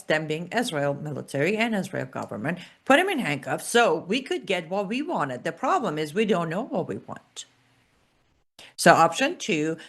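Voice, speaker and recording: Speaking in a somewhat low, slightly rough voice, a political commentator from Iran runs her own show. She launches into a forceful, sarcastic monologue of opinion, hammering home her points with repeated phrases.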